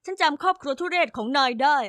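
A woman's voice: high-pitched, quick pace, fairly bright tone, dry recording, studio quality. A woman voicing a spiteful young man rival who speaks in a sneering way.

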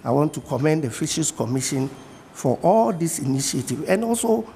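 A middle-aged Ghanaian-accented man from the fishing industry appears as a guest in a TV studio interview, speaking in a measured way and repeating his key points. His slightly high voice is warm and swings widely in pitch. The recording has a long reverb tail and a little hiss or hum.

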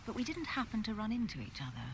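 An actress playing a composed aristocratic duchess in a game, measured and refined. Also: female voice, fairly high pitch, wildly swooping pitch. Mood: inquiring. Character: poised aristocratic woman, a duchess, probing and composed. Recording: noisy game audio.

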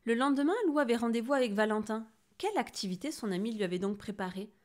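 Expressive woman reading a children's story. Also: a little high, quick pace. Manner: expressive, animated narration. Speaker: storybook reader.

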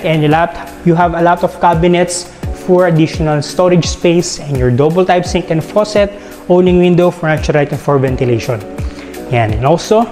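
A man with a Filipino accent walking through a house for sale, listing its features in a chatty guided-tour way. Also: on the high side. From Philippines. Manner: walking while narrating, listing features with frequent "yan" and "no" tags. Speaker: real estate tour guide. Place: large empty house, indoors. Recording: echoey rooms with soft background music.

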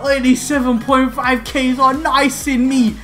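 Unhurried and level in tone despite an extremely high pitch, a young man who runs a gaming YouTube channel shouts, laughs and trades slangy banter while excitedly opening game packs. Faint background music plays in his small room at home.

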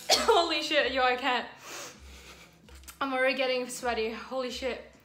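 A woman's voice: high-pitched, slow, sharp tone. A young woman chatting casually while eating, slangy and swearing, exclaiming and gasping as her mouth burns from spicy food. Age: young adult. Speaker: vlogger doing a food challenge. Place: indoors at a table in a home. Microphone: camera a few feet away. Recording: roomy echo, some noise, dish clatter.

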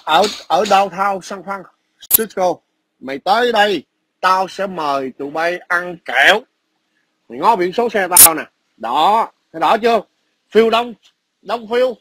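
Guy yelling curses at someone on his phone, pretty high voice, bit of hiss behind. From Vietnam. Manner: aggressive, profane, taunting. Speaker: vlogger. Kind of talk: angry ranting video message. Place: his workplace in a city.

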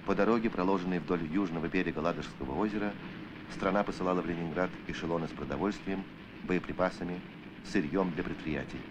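A man narrating an old Soviet newsreel in a solemn, measured, declamatory scripted style. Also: low voice, noisy background. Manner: measured, declamatory documentary delivery. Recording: archival film soundtrack with music. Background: music.

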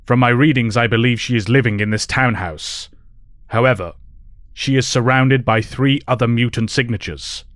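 A man's voice: mid-range voice, normal speed, fairly bright tone, dry recording, close to an everyday voice. A grave, principled professor of superheroes, acted by a man in an audio drama. He speaks formally and with measure, in a middling register, recorded close and dry. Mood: grave, measured. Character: measured, principled male professor leading mutant heroes.

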